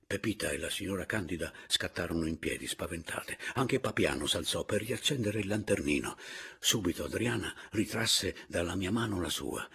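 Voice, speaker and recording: A man reading a literary novel aloud in a measured, expressive way. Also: deep voice, creaky, breathy edge. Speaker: audiobook reader. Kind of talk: literary audiobook narration.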